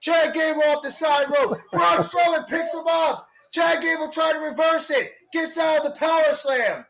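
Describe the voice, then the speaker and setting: A man working as a wrestling commentator, calling live play-by-play in an excited, exclaiming manner over a stream. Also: extremely high pitch, moderate pace, slight background noise. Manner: excited, exclaiming, shouting at big moves. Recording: dull lo-fi online stream audio.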